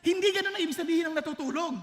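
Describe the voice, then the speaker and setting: A man preaching a sermon in an animated way, mixing in English and raising his voice for emphasis. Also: very high-pitched, very fast. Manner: animated, mixes English into Filipino, shouts and laughs for emphasis. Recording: long reverb of a large hall.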